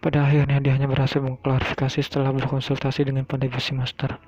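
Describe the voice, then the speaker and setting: Guy reading a web novel out loud, super flat, gravelly, muffled lo-fi sound. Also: medium pitch, very fast. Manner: monotone reading with small slips. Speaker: audiobook narrator. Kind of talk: reading a translated novel aloud. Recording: dull lo-fi recording.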